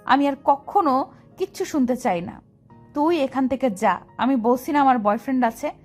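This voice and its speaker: A woman's voice: high voice, moderate pace, a little mellow, soft background music. A woman voicing an angry young woman who harshly scolds and rejects the man pursuing her, in an audio love story. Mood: angry scorn.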